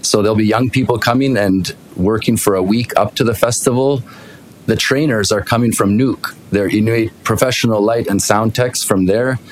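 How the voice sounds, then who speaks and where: A man from Iqaluit speaks in a fairly low voice. He presents to a council informally, explaining things in a conversational way into a table microphone. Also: moderate pace, slight background noise, rough recording. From Iqaluit, Nunavut, Canada. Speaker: arts festival delegate. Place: city council meeting room, at witness table. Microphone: table microphone with push button.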